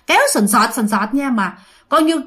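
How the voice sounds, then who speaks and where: A woman's voice: on the high side, lively intonation, moderate pace, fairly bright tone. A woman with a Southern Vietnamese accent, telling ghost stories in a chatty, casual way, repeating phrases and speaking straight to her listeners. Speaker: ghost story host. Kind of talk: casual spoken storytelling.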